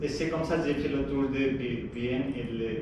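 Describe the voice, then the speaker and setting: A man with a foreign accent in French, giving an informal live presentation haltingly, repeating and searching for his words. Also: medium pitch. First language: not French. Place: echoey room, presenting to a group. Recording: echoey, distant, noisy room.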